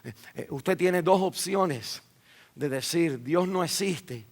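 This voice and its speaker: A man preaching a sermon as a pastor in a church, rising loud and high, then dropping low and quiet, with many fillers and repeated words. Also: slow.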